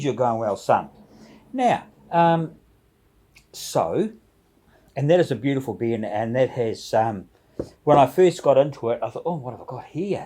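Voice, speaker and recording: Laid-back guy, dark soft-edged voice, casual slangy vlog chat, chatty and jovial, rambles along. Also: mid-range voice, slightly rough. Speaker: homebrew video blogger.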